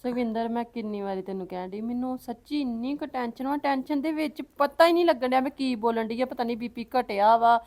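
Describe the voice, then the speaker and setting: Web drama: actress as middle-aged mother, anxious, defensive, near tears; voice sits a bit high. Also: fairly even intonation, fast talker, few pauses, darkish tone, close to an everyday voice. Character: worried middle-aged Punjabi mother, woman. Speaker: elder sister-in-law, troubled mother. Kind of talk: web series drama acting.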